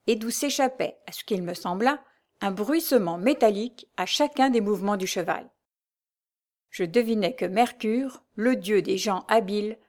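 A woman's voice: mid-range voice, darkish tone. Woman reading a classic novel aloud. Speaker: audiobook reader.

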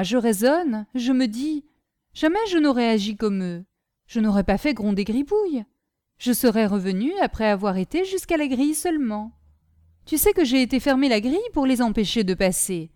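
Gribouille, a simple-hearted young servant boy, eager and rambling, with a raised, innocent pitch, as a woman reads him. His voice is warm and mellow, and it sits dry and close. This is storybook reading. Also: animated, normal speed, no echo, natural voice. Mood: naive, earnest. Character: simple-minded, earnest young male servant.

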